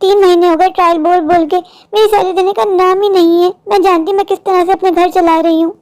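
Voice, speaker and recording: A very high-pitched struggling poor sister. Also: female voice, fairly even intonation, brisk, a little mellow. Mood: pleading. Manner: pleading, worn-down and sorrowful. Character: poor young woman, worried older sister. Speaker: cartoon character. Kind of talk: Hindi cartoon voice acting.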